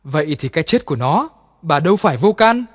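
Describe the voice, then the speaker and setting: A cruel, two-faced young daughter-in-law, put on by a male narrator gives sharp, bossy orders in an audio horror story. The voice is pushed higher than his own, with a long reverb behind it. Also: moderate pace, close to an everyday voice. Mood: menacing.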